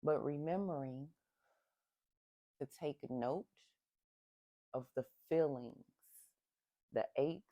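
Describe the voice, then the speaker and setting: A meditation guide leading an ASMR breathing session, giving slow, gentle instructions and sharing candid asides about their own feelings. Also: medium pitch, vocal fry, dry recording.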